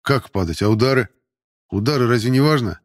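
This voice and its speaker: A man voicing an earnest, indignant young male cadet who protests loudly, in an audiobook. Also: mid-range voice, fairly quick, lightly acted. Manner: protesting, raised and emphatic.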